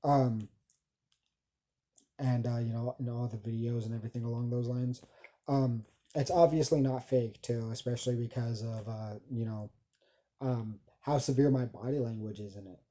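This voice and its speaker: Halting, dark-voiced man vlogging. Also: medium pitch, fairly even intonation. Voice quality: halting speech with many stumbles and restarts. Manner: rambling, heavy filler words. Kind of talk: casual self-recorded monologue.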